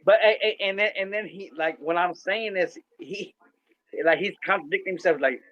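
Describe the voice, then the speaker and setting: A man's voice: high-pitched, normal speed. A man co-hosting a casual talk show, rambling through stories with lots of fillers and restarts. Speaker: podcast co-host. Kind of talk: casual chat. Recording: dull lo-fi sound.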